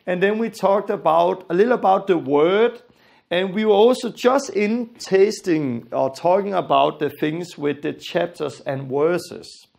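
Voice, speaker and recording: Man, Danish accent, fairly high voice, gravelly, earnest Bible teacher, emphatic, repeats points. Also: a little slow, a little mellow. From Denmark. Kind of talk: recorded Bible lesson.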